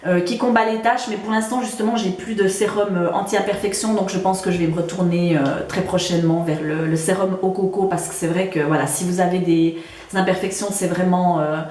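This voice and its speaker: A beauty vlogger with a Swiss French accent casually reviews products she has used up, hesitating with frequent fillers and restarts. Her voice is fairly low, a little mellow, slightly fast, and fairly even in intonation, with a roomy echo.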